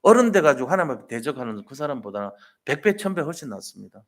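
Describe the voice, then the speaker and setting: Male pastor, mid-range voice with a lively, swinging delivery, conversational storytelling sermon with emphatic questions. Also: medium pitch, fast. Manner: emphatic, rhetorical questions to the congregation; colloquial, storytelling preaching. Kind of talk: Sunday sermon.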